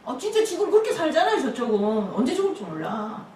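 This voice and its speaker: A woman pastor preaching a lively sermon, laughing often and acting out quotes. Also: high-pitched, fast, slight background noise. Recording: echoey room, mic at a distance.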